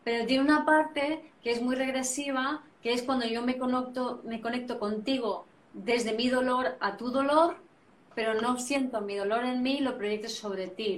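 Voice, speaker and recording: Woman, guest therapist, animated, repeats phrases, echoey room. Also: on the high side, slight background noise. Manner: animated, repetitive phrasing, frequent tag questions. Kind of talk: reflective conversational explanation. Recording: roomy sound, distant from mic.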